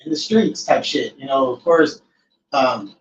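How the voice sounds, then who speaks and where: A man's voice: mid-range voice, measured pace. Laid-back man, echoey distant mic. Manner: laid-back, swears casually, storytelling with impressions. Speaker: podcast host. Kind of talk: casual chat. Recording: echoey, distant, dull room mic with faint noise.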